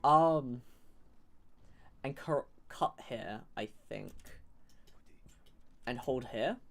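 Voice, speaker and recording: A man talks through a strategy game in loose, rambling commentary, trailing off and restarting his sentences as he thinks out loud. He mocks the enemy with dry sarcasm. His pitch sits in an ordinary middle range. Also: extremely slow, vocal fry. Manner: rambling, sarcastic, self-correcting. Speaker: gaming YouTuber.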